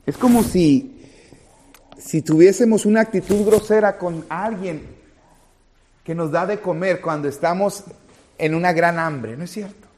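A man with a high voice delivers a Spanish sermon as a pastor. He talks straight to his congregation, swings between loud fervent passages and low quiet ones, and acts out little scenes along the way. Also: unhurried, pauses often. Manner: animated preaching, acts out little scenes, addresses congregation directly.

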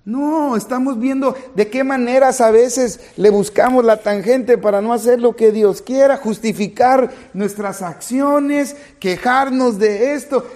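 A man preaching a sermon as a pastor, speaking straight to the congregation and acting out small scenes. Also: very high-pitched. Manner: animated preaching, acts out little scenes, addresses congregation directly.

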